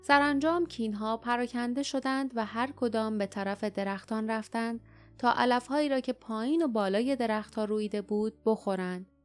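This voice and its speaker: A woman narrating an audiobook in a measured, scripted reading. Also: fairly high pitch, soft background music.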